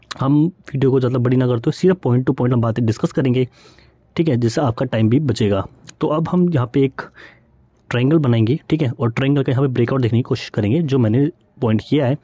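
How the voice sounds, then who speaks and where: A man giving a brisk stock-chart walkthrough, often saying "theek hai" and mixing English terms into his speech. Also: mid-range voice, mellow, husky, no room sound. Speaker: stock market educator. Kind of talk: fast screen-share chart walkthrough.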